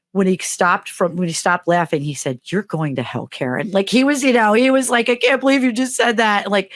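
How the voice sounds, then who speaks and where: Lower-voiced middle-aged woman telling a funny story. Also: dry recording, studio quality. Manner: animated, acts out quotes with big pitch jumps. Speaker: podcast co-host and teacher. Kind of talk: comedic storytelling in casual chat.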